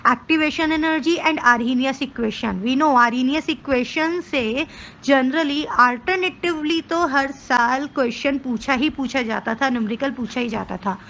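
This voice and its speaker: A woman with an Indian English accent talks students through a chemistry syllabus, moving between Hindi and English. Her voice sits high and her pace is very slow and careful as she reads out one topic after another. A faint hiss runs under the recording. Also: fairly bright tone, dull audio. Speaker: chemistry teacher. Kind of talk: syllabus walkthrough lesson.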